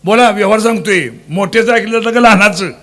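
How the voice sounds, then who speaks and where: A man's voice: sits high, fast talker, fairly bright tone. A man preaching a devotional kirtan, teasing and quizzing his listeners and breaking into sung verses. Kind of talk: Marathi devotional kirtan sermon.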